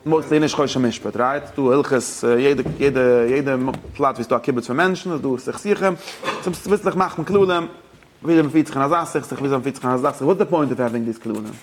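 A man teaching religious law speaks briskly in a mid-range voice during a lively study-hall lecture, against slight background noise. He mixes German, English and Yiddish along with rabbinic vocabulary and keeps posing questions to those listening.

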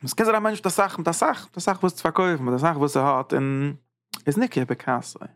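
Gravelly man giving an animated lecture. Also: a little fast. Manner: animated, with sudden rises in pitch and repeated phrases. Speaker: religious teacher. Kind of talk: informal text lecture.

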